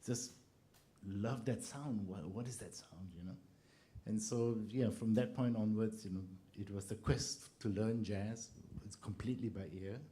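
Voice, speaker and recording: Older man telling stories in a low mellow voice. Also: unhurried. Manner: storytelling, laughing often, acts out quotes. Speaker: panelist composer. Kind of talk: relaxed panel discussion.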